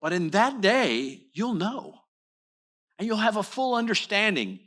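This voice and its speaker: Bright-voiced preacher man, earnest and repetitive. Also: high-pitched, big pitch swings, a little slow. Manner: earnest, repeats words and restarts phrases. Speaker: pastor. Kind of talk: sermon. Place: church sanctuary.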